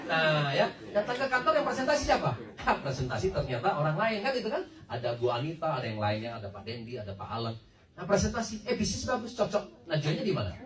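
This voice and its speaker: A man's voice: a little high, quick pace. A man recruiting for a multi-level marketing business, telling stories with acted quotes and frequent laughs. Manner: lively storytelling, acts out quotes, laughs often. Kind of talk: sales pitch to an audience. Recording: echoey room from far off, crowd behind.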